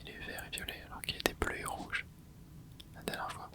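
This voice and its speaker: At a brisk clip, an ASMR gaming host whispers a running narration of their play, muttering low reactions into a microphone held close.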